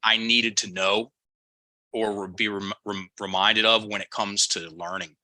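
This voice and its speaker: A man talking as a podcast guest in casual conversation, telling stories in an animated, rambling way with self-mocking asides. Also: on the low side, normal speed, very noisy.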